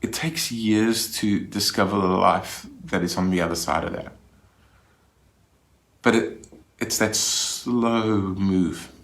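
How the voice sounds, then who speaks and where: A man's voice: lowish voice, steady tone, slow pace. A man giving a Sunday reflection as a minister, speaking conversationally and often restarting his sentences.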